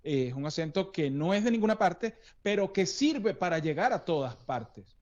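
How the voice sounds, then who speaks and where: A man's voice: high voice, sing-song, moderate pace, a little mellow. A man who works as a voice coach, explaining things and telling stories in an interview, with frequent restarts. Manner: explanatory, anecdotal, many restarts. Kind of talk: interview conversation. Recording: dull lo-fi sound.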